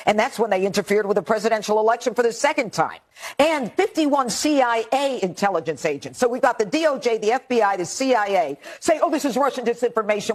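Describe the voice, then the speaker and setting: Furious lady going off about politics, slow and punchy, mid pitch. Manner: indignant, emphatic, slow deliberate delivery. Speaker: political commentator. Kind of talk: angry political rant.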